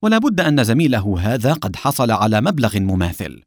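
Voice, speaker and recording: A man voicing a calm, sarcastic male secret agent in an audiobook. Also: on the low side, fast talker, no echo, studio quality.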